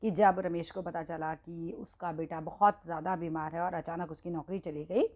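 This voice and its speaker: A woman's voice: lowish voice, steady tone, normal speed, a little mellow. A woman teaching idioms to exam students in a casual, conversational way, talking straight to them and correcting herself as she goes. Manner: conversational, addresses students directly, frequent checks and self-corrections. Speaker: Hindi teacher. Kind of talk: casual exam-prep lesson explaining idioms.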